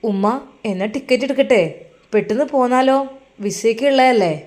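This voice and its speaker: A calm, dutiful young son, as a woman storyteller voices him. He reassures his mother in an even, steady way and offers practical answers. His tone stays gentle and level. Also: fairly high pitch, fairly quick, voice pushed up, close to an everyday voice. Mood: calm reassuring.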